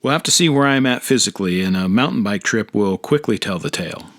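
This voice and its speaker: A man's voice: on the low side, expressive, fast, a bit bright. A middle-aged American man giving a reflective, scripted narration of his own story. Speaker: motovlog narrator. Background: guitar music.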